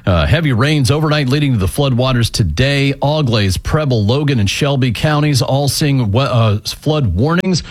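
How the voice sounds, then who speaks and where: A man reads a local radio weather and flood update in a brisk, formal broadcast style. His voice is mid-pitched and even. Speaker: radio news announcer.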